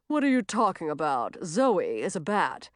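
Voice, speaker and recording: A woman voicing a grumpy two-headed male troll who talks in sulky, slow lines, for an audiobook. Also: on the low side, big pitch swings, no room sound, studio quality. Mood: scowling. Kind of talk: audiobook character voice.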